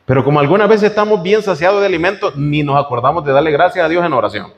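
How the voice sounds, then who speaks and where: A man preaching a sermon in an animated way, asking the congregation questions as he goes. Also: a little high, quick pace, big-room sound, dull audio.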